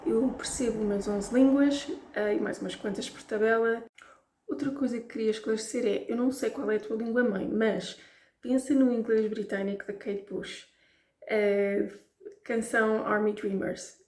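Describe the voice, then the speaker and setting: A woman's voice: on the high side, steady tone, normal speed, a little mellow, far from the mic. Chatty Portuguese woman, roomy sound. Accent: European Portuguese. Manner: chatty, demonstrative, repeats words to show pronunciation. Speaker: language teacher. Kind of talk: casual language lesson to camera.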